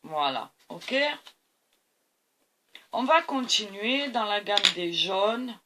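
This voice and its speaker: A woman's voice: mid-range voice, expressive, slow pace, heavy background noise. A tired woman hosting a painting tutorial, talking to camera as she mixes colors and keeps praising them. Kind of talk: art demonstration talk to camera.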